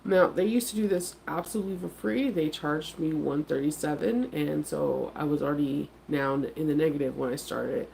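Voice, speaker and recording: Congested with a head cold, a middle-aged craft vendor who vlogs chats through a rambling morning talk to viewers, packed with fillers and hardly pausing. Her voice is deep, gravelly and warm at a moderate pace, and the audio is poor with a faint hiss or hum.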